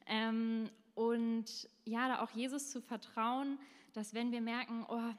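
A woman's voice: on the high side, level tone, slow pace. A young adult woman giving a casual devotional talk, chatty, with many fillers and slang. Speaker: speaker of a short devotional talk. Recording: long reverb in a hall.

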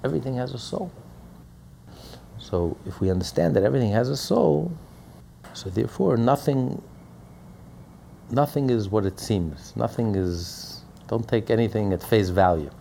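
A man's voice: medium pitch, animated, moderate pace, creaky, long pauses, mellow, a little hiss or hum. A man teaching a Torah lesson as a rabbi, speaking emphatically and repeating key phrases.

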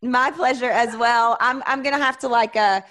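A woman hosting a casual interview, effusive in her talk and quick to joke about herself. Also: fairly high pitch, steady tone, a crowd in the background. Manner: effusive, self-joking. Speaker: show host.

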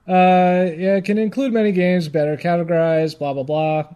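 High-voiced man ranting sarcastically on a podcast. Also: level tone, moderate pace, dark tone, smooth. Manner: sarcastic, mock-exasperated ranting. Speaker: podcast co-host. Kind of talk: casual podcast banter, reading aloud.

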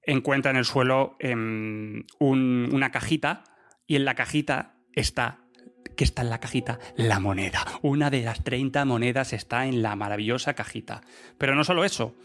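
A man's voice: medium pitch, moderate pace, fairly bright tone. A man in casual chat, leading a recap of a series and posing rhetorical questions. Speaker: podcast co-host.

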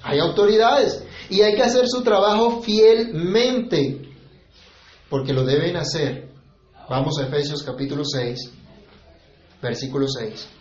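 A man's voice: fairly high pitch, measured pace, pauses often, slight background noise. A man, preaching a sermon in a conversational style that leans on rhetorical questions to the congregation. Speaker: pastor. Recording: echoey, slightly muffled room recording.

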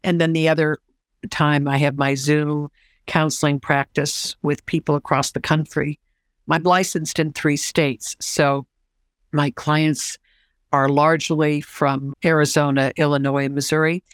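A woman in her sixties, a social worker and counselor, talking as an interview guest in an enthusiastic, expressive way. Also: low-pitched, unhurried, no echo, clean studio sound. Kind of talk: casual conversation.

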